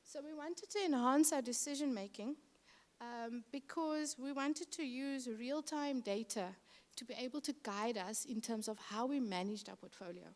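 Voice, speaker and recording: Woman, Cape Town South African accent, high voice, middle-aged, conference presentation, relaxed chatty delivery with fillers. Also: normal speed. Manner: conversational with frequent fillers. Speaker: city infrastructure manager.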